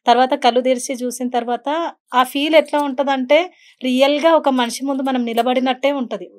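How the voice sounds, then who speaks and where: A woman's voice: high voice, fairly even intonation, a little fast. A woman, a podcast guest earnestly telling a personal story and acting out quoted speech. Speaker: guest, beautician and meditation teacher.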